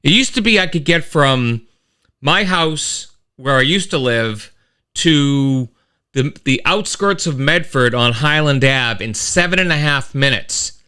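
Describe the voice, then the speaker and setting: A man's voice: medium pitch, unhurried, clean tone. A middle-aged man, hosting a casual live-stream monologue, rambling with restarts. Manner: animated storyteller, rambling with restarts and sound effects. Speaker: host of a weekly live-stream show.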